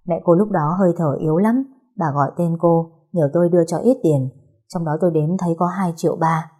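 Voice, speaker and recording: A woman doing a gentle, sorrowful young man. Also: fairly low pitch, brisk, natural voice. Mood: somber.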